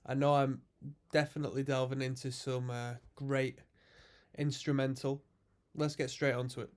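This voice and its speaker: Congested from a cold, this male host chats his way through a metal track, breaking down the guitar and synth parts and explaining terms as he muses. His mid-range voice is clean-toned, delivered flatly at a normal speed.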